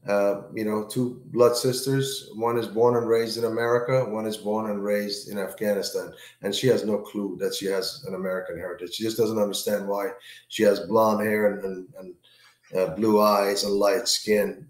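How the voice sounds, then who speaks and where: A man, an author, chatting casually in an interview, relaxed and full of fillers and repeated words. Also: lowish voice, moderate pace, roomy sound. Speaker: author guest.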